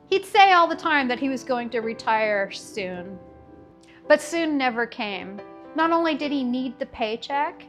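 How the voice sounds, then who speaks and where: A woman's voice: high-pitched, fairly bright tone. A woman in her fifties hosting a commentary video, talking in a wry, sarcastic way and laughing between her jokes. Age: 50s. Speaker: video host. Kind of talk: scripted commentary monologue.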